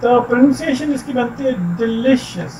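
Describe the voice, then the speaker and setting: Man, teaching, slow repetitive explaining, far from mic, faint background noise. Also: extremely high pitch. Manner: explains slowly, repeating words and "theek hai ji". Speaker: English teacher. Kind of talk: textbook grammar lesson.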